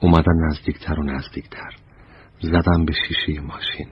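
Very deep-voiced man narrating slowly. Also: little pitch movement, dull audio, a little hiss or hum. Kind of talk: scripted narration of short anecdotes.

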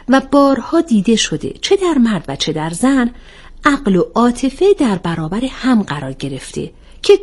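A woman voicing a calm young woman who patiently explains things in a storybook reading. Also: fairly high pitch, slightly rough.

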